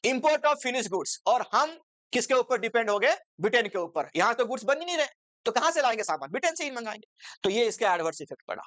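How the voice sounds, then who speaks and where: A woman teaches a commerce lesson in a conversational, exam-focused way, constantly quizzing her students with rhetorical questions. Her voice sits fairly high. The recording is dry, with no room sound. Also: sing-song, a little fast, a bit bright, no echo. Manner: conversational, asks students rhetorical questions, mixes English terms into Hindi.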